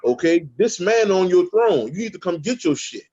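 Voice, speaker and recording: A man's voice: high voice, big pitch swings, moderate pace, dark tone, breathy edge, pitched above the performer's own voice, full character voice. A man voicing a bossy young lioness who bluntly scolds her friend in street talk, on dull lo-fi audio. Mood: scolding.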